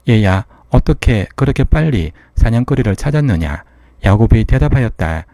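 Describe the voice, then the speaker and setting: Low-voiced man reading scripture. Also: no room sound. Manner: even, measured reading of all parts without acting voices. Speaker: Bible reader.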